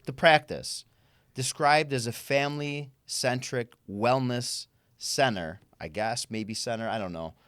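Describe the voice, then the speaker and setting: A man's voice: mid-range voice, unhurried, fairly bright tone, clean tone, no echo, clean studio sound. A man hosting a casual podcast interview, asking his guest questions in an easygoing way. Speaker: podcast host.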